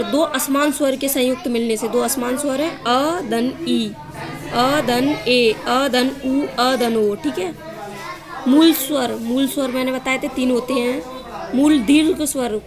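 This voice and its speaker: A woman's voice: on the high side, gravelly. A woman teaching an exam-prep grammar lesson, asking quiz questions and answering them herself, stretching vowels to show their length. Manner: asks and answers her own quiz questions.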